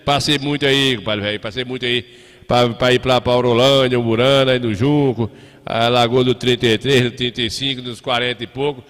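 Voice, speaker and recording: A man's voice: mid-range voice, fairly even intonation, fairly quick, fairly bright tone. A middle-aged man hosting a live show in a folksy, chatty way, calling his listeners compadre. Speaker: radio host. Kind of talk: casual live chat. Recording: echoey hall.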